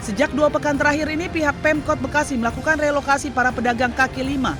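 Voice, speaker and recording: A woman's voice: high-pitched, fairly even intonation, fast talker. A woman reads scripted news narration as a television reporter. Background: music under the voice.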